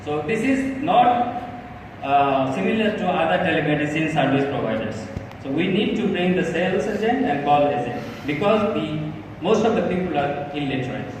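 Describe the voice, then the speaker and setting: A man from Bangladesh giving a live pitch presentation, earnest and halting with frequent fillers. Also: sing-song, noisy background. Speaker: startup presenter. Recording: echoey hall from far off.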